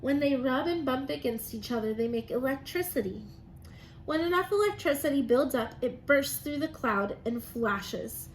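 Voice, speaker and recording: A high-pitched, animated woman talks at normal speed, recorded in low quality with noticeable background noise. She reads to young children as their teacher, breaking science down into simple, encouraging phrases.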